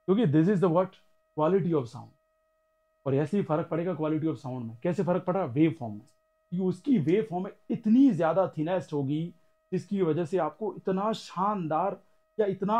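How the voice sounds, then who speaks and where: A man's voice: a little high, darkish tone. A man with an Indian accent teaching a classroom revision lesson, playfully quizzing and teasing his students as he goes.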